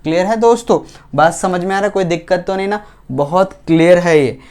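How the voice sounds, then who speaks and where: Guy teaching grammar online, talks slow on purpose, spells out english examples word by word. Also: sits high, a little mellow, clean tone. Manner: slow, deliberate, asks and answers his own questions.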